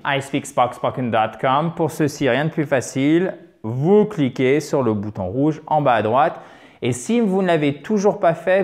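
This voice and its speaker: A middle-aged man teaching English in French in a whiteboard video lesson, lively and slowly repeating each phrase. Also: a little high.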